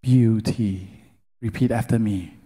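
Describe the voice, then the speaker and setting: A man's voice: lowish voice, fairly even intonation, slow, dark tone, breathy edge. A middle-aged man gives a sermon-style talk at a church lecture concert, leading the audience in call-and-response and stretching out key words with earnest emphasis. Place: large worship hall. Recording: long hall reverb.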